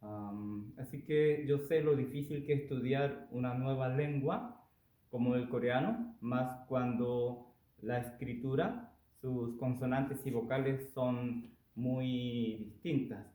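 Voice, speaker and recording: A man, a native Korean speaker, teaching a language lesson slowly and deliberately, pausing and hesitating often. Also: medium pitch, fairly even intonation, dark tone. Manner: slow, deliberate, with many pauses and hesitations. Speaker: Korean language and taekwondo instructor. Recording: roomy echo, voice from far off.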